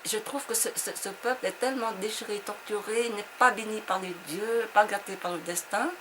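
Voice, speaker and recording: A woman's voice: mid-range voice, fairly even intonation, fairly quick. A woman author from Vietnam, speaking in a reflective interview conversation. She hesitates and often repeats her words as she searches for them. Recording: noisy background.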